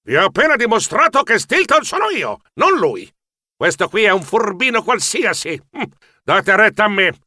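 Sly boastful pirate cat, read by a man: high, bright, mocking. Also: sing-song, dry recording, studio quality, heavily acted. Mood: smug. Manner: smug, mocking, rapid-fire questioning.

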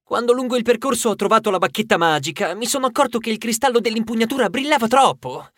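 A performer doing a bright young male mouse, a puzzle and gem enthusiast, telling his story in an earnest, explaining way. Middle pitch, recorded close and dry like a storybook audiobook. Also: expressive, fast talker, no room sound. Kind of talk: audiobook character voice.

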